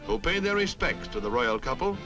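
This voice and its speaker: A man's voice: fairly high pitch, sing-song, a little fast. Man narrating an old newsreel. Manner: dramatic, declamatory delivery with wry quips. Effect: old newsreel sound. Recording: old newsreel film soundtrack with music bed. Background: music.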